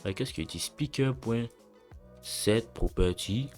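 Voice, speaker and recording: This young man talks slowly in a mid-range voice, with faint music in the background. He leads a casual coding tutorial, thinking aloud through each step in loose, slangy speech and correcting himself as needed.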